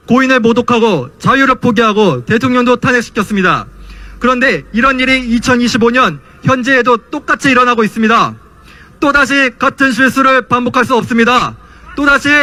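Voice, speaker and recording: A young man delivers a student's political rally speech. His voice is strikingly high and has a forceful, sharp edge. He declaims with passion, in the rhetorical manner of a protest orator. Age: young adult. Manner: impassioned, declamatory rhetorical questions.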